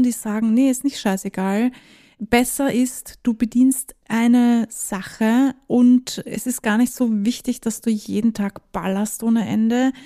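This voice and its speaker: This solo podcast host is a native German speaker who chats casually, laughing at times and using English phrases. Her voice is on the high side and mellow, with vocal fry.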